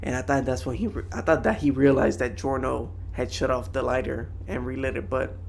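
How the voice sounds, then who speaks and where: A man's voice: mid-range voice, little pitch movement, brisk, vocal fry, slight background noise. A young man giving a casual, slangy, rambling anime review to viewers.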